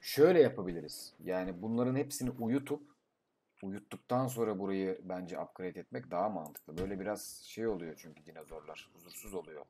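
A young man giving casual gameplay commentary, talking to himself, swearing and breaking into excited outbursts. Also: sits low, fairly quick, slight background noise. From Turkey. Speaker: gaming YouTuber.

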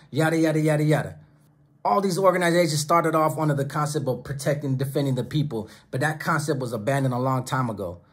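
This is a YouTube host in middle age giving direct-to-camera commentary from a small home studio with monitors and speakers, sitting at his desk close to the camera. His husky voice leans toward the high side. He comes across as emphatic and preachy, habitually stringing phrases together in lists.

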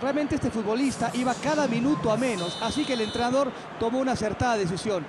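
A man's voice: very high voice, quick pace. A man voicing a football commentator who assesses play and substitutions in a video game. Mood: assessing. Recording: clear stadium noise behind.

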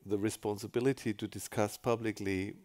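A man speaking as a panelist on a conference stage, halting and often rephrasing as he searches for words. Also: lowish voice, steady tone, a little mellow. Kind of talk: panel discussion contribution. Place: conference hall stage, indoors.

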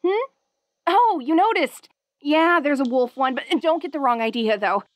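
Bubbly young wolf girl, female performer, audio role-play. High, very animated, perky, curious, playful and excitable. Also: normal speed, no echo, clean studio sound. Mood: bubbly, chatty.

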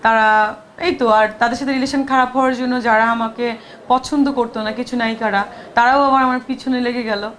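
High-voiced actress with a sore throat. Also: female voice, fairly even intonation, a little fast, fairly bright tone, slight background noise. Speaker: film actress. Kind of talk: press interview answers. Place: noisy shooting location.

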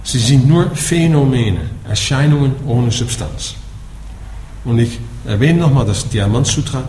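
Giving a dharma talk to a group, a man from the Netherlands speaks German with a Dutch accent in a darkish, mid-range voice at a measured pace. He's patient in explaining, with a "ja?" following almost each point. The room is echoey, with faint noise in the background.

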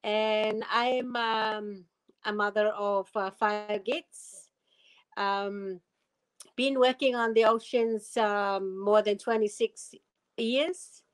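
Slow Tongan-accented middle-aged woman. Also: mid-range voice. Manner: unhurried with many fillers. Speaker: community leader and captain. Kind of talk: self-introduction on a video call. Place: indoor room at home. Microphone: webcam on a video call.

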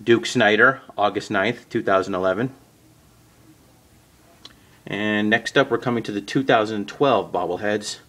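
A man casually narrating a walkthrough of his collection on home shelves, naming items one after another with the odd pause and self-correction. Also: fairly low pitch. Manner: steady list-like naming with occasional uh and self-corrections. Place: indoors at home by display shelves.

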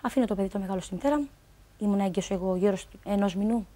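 A woman's voice: mid-range voice, warm tone. A woman telling a personal story on a talk show, rambling along, quoting what others told her and filling gaps with stock phrases.

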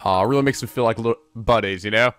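A man's voice: on the low side, rapid-fire, clear, resonant tone, no echo. A man casually commentating a video game with jokes and profanity. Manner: animated, profane, joking. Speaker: let's play host.

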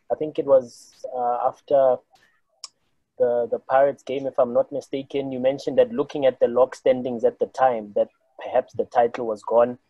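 A man, a sports journalist, asking a measured press conference question with some hedging. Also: medium pitch, dry recording. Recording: dry, dull lo-fi call audio.

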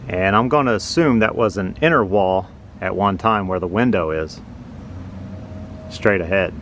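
A man narrating a walking tour outdoors on a city sidewalk, explaining things slowly and plainly as he films with a handheld phone. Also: low voice, fairly bright tone, a little hiss or hum. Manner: slow, plain, informative. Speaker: vlogger touring a building. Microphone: handheld phone camera.

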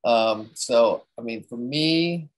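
Relaxed man explaining a photography technique. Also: mid-range voice, takes it slowly, poor audio. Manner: relaxed, rambling, many fillers and restarts. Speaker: presenter at a photography talk. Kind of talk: casual technique talk.

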